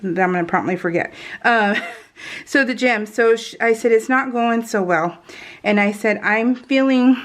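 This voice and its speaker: A craft vlogger with a mid-range voice chats casually and giggles as she works in real time, rambling and cutting herself off.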